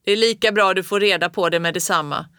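A reader voicing a sour, stern farmer father who calls out loudly over a storm. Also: mid-range voice, smooth, no echo, clean studio sound, natural voice. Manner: calling out loudly over the wind.

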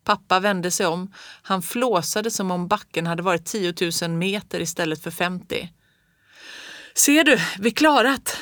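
Bright, dry storybook narrator. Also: medium pitch, fairly even intonation, dry recording. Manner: first-person narration as a child looking back. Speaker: audiobook reader. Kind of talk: storytelling narration of a children's book.

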